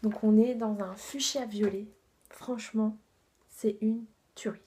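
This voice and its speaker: A woman's voice: medium pitch, fairly even intonation, measured pace, mellow, a little hiss or hum. A woman reviewing her makeup haul in a chatty, enthusiastic way, with many fillers and asides that drop to a half-whisper. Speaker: beauty vlogger.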